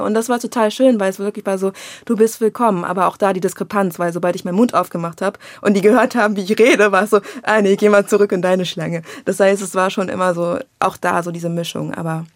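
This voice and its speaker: Candid young Berlin woman with gravelly voice. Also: medium pitch, fast, dry recording. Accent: Berlin German. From Berlin, Germany. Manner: candid, reflective, slangy, quotes others in lively voices. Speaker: children's book and screenwriter, interview guest. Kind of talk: casual conversational interview.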